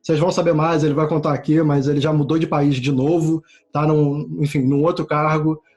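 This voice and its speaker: A man's voice: on the high side, flat delivery, a little fast, a little mellow. Informal male interview host. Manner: friendly, informal, says "cara". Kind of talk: casual interview hosting.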